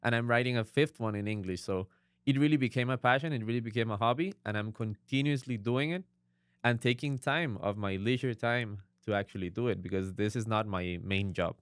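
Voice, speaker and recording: A man's voice: mid-range voice, a little fast, clean tone, dry recording. A young Costa Rican man with a Costa Rican accent, a guest author explaining his writing earnestly in a casual interview. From Costa Rica. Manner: earnest, explaining at length with many affirmations.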